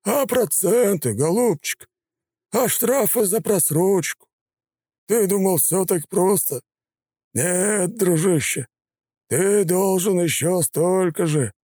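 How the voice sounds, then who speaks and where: A man voicing a fat, sneering gangster boss with a high, drawling, taunting voice. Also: slow, dark tone, husky, dry recording, studio quality, heavily acted. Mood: mocking.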